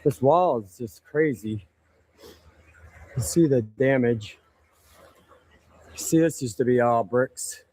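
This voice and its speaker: A man out of breath, excitedly narrating as he walks outdoors by a river canal, filming on a handheld camera. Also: medium pitch, slow pace, pauses often, no echo. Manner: excited, amazed commentary. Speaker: vlogger exploring ruins. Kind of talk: outdoor walking vlog. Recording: noisy outdoor ambience.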